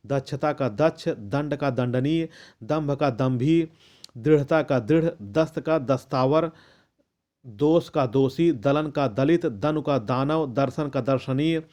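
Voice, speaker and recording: Slow, methodical male teacher reciting. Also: fairly high pitch, a little mellow. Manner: measured and methodical, with occasional restarts and coughs. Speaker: teacher reading a Hindi vocabulary list. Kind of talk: slow recitation of word pairs.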